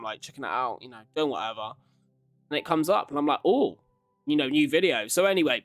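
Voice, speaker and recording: Background music plays as a male YouTube reaction host talks through a casual ranking commentary in a loose, chatty, rambling style. He has a fairly high, fairly bright and clean voice.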